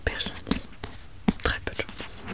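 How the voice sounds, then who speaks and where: Lady doing a soft asmr whisper, library-quiet, chatty and rambly, pokes fun at herself. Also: normal speed. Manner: chatty, rambling, self-mocking asides. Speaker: ASMR video creator. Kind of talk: whispered ASMR book presentation.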